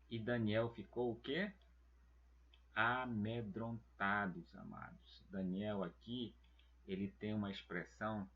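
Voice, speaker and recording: Slow, husky man teaching a Bible lesson. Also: mid-range voice, highs cut off. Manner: slow, deliberate, addresses listeners as beloved brethren.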